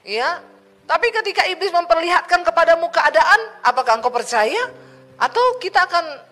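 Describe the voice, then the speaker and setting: A woman pastor preaching a sermon, telling a personal testimony in a lively way and speaking directly to the congregation. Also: very high voice, fairly quick.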